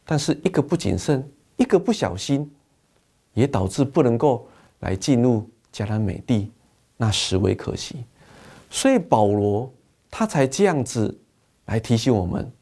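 A male preacher giving a sermon, moving from storytelling into earnest exhortation. His voice is dark and mellow, with lively swings in pitch. He slows down and pauses heavily on key points. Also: slightly rough.

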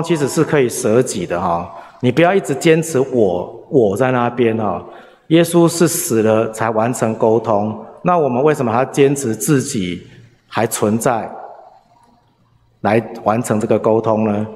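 A man preaching a sermon, telling a family story in a lively way with many chatty particles. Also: mid-range voice, slight background noise. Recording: long reverb from a hall.

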